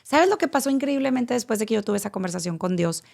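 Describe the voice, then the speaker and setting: A woman's voice: fairly high pitch, lively intonation, fast, vocal fry, darkish tone. A woman in her late thirties with a Mexican Spanish accent, giving a candid personal testimony as a podcast guest and speaking straight to the listener with casual swearing. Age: late 30s.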